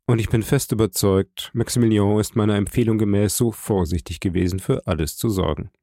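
A man reading an audiobook, voicing a dignified count who speaks in a measured, gently persuasive way. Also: fairly low pitch, fairly even intonation, no echo, studio quality. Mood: calm. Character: dignified aristocratic older count, calm and kindly. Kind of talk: audiobook character voice.

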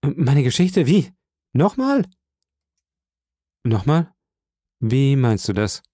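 A man voicing a theatrical, excitable young friend who gushes and wails dramatically in an audiobook. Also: medium pitch, slow, no room sound, studio quality, pitched above the performer's own voice. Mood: bewildered. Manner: theatrical, swings from gushing to wailing.

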